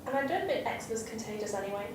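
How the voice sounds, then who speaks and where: A woman's voice: fairly high pitch, expressive, rapid-fire, background noise, close to an everyday voice. A woman reading the part of a timid, hesitant teenage girl from offstage, heard far off in an echoey room. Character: meek teenage girl being made up.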